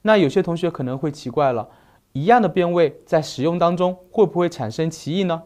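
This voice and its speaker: A man teaching a recorded grammar lesson, slowly listing verb forms one by one. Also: a little high, darkish tone. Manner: slow, deliberate, spells out verb forms one by one. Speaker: Spanish teacher.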